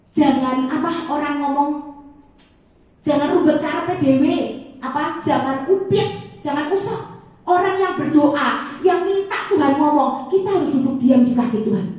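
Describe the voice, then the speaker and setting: Woman pastor with a lilt, high and lively sermon delivery, heavy hall echo. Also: measured pace. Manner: animated preaching, acting out prayers in a pleading voice. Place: church. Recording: very echoey church hall.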